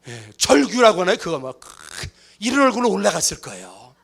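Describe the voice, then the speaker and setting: Man, pastor, very high voice, animated sermon, acts out characters, church sanctuary. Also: brisk, vocal fry. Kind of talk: lively Easter sermon with acted asides.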